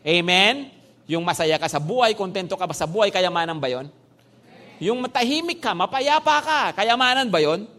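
A male pastor preaching a sermon in a lively, conversational way, often tossing "no?" to the congregation. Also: high-pitched, moderate pace. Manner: animated preaching, frequent "no?" tag questions, mixing English phrases.

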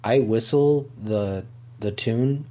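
A man's voice: medium pitch, slow, dark tone. A young man co-hosting a movie podcast, easygoing and joking, swearing casually. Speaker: podcast co-host. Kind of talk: casual chat.

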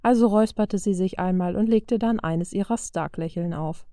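A woman reading a fan fiction story aloud in a calm, even way. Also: medium pitch, moderate pace, no echo, studio quality. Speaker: reader.

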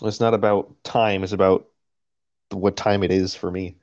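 A man's voice: low-pitched, level tone, normal speed, darkish tone, no echo, highs cut off. A man co-hosting a podcast, reading a novel aloud and breaking off for profane jokes and laughter. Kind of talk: casual chat and reading aloud.

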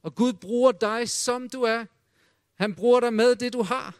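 High-voiced male preacher, dry sound. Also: fairly even intonation, no room sound. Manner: dramatic retelling with hushed quoted voices. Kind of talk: sermon.

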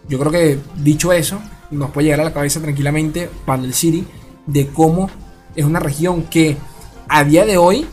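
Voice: medium pitch, a little mellow. A card game YouTuber giving casual commentary, chatty and full of little check-ins and restarts. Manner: chatty, peppers speech with "ok?" and restarts.

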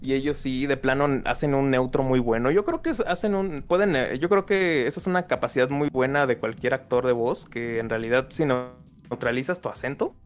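A man's voice: medium pitch, a little fast, soft background music. A young man with a Mexican accent, talking casually on a podcast in a rambling way, full of slang and laughter. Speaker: podcast host. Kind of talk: casual chat.

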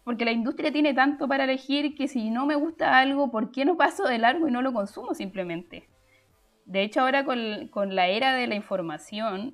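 A young woman with a somewhat high voice talks through her points on a live stream, chatty and explanatory, often restarting with fillers. Faint music plays softly behind her. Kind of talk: explanatory live-stream talk answering chat.

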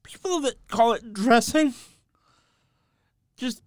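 Slow halting podcast cohost, smooth clear voice, dry close sound, blunt opinions. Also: mid-range voice, expressive, no room sound. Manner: halting, pausing often to search for words; defends unusual food picks with blunt opinions. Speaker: podcast co-host. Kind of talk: casual sports podcast chat.

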